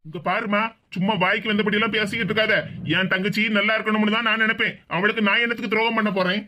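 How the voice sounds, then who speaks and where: This is a voice actor playing a grown son in a cartoon comedy. He has a southern Tamil accent and talks quickly. He is defensive and pleading. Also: sits high, little pitch movement, sharp tone, lo-fi sound.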